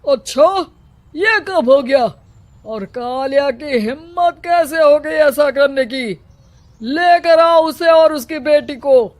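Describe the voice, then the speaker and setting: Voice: high-pitched, no room sound. A performer voicing a stern, domineering village headman in a story, with a commanding, scolding manner. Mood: suspicious, mocking. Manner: commanding, scolding, slow deliberate delivery. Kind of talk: dramatized moral story acting.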